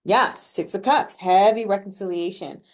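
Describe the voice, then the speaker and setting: A woman's voice: medium pitch, moderate pace. A woman giving a casual collective tarot reading to her viewers, chatty and slangy, laughing at her own remarks and filling her talk with "like.". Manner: chatty and slangy, with many "like" fillers. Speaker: tarot reader.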